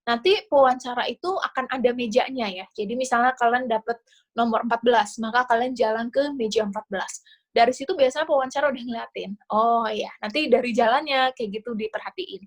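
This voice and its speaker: A woman's voice: fairly high pitch, brisk. A woman with an Indonesian accent gives casual, chatty advice to a class on a video call. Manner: casual, chatty explaining with fillers. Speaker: scholarship interview coach. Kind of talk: online class talk.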